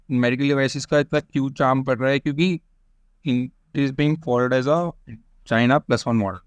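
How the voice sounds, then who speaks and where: Speaking in a mid-range voice with no echo, an Indian-accented stock analysis presenter gives casual commentary over a screen share. He talks to viewers in a familiar way, mixing Hindi and English frequently.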